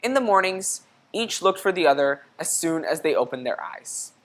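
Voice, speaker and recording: This storybook reader is a woman whose pitch sits fairly low. She reads to children expressively, like a teacher, pausing to pose questions to them.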